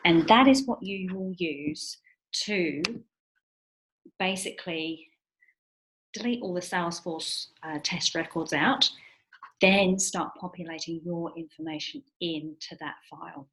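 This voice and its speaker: A woman hosting a software tutorial, walking through the steps in a relaxed, explanatory way with frequent ums. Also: lowish voice, poor audio. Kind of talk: screen-share tutorial walkthrough.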